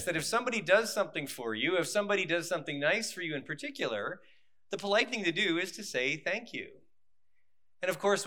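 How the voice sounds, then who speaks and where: Very bright-voiced man preaching a sermon. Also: a little high. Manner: conversational, deliberate, rhetorical repetition.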